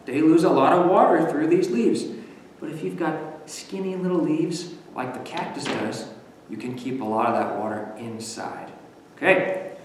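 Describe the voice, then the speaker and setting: A young man from the western United States, an educator teaching children on a virtual field trip in a lively, questioning manner. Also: fairly high pitch. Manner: animated, speaking to children with questions. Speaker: nature center educator. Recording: echoey, distant, long reverb.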